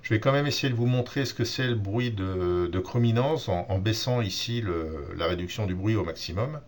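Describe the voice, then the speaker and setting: A man giving a relaxed software tutorial on photo editing, explaining step by step with many fillers and restarts. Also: fairly low pitch, moderate pace, a little hiss or hum. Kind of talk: screen-recorded software tutorial.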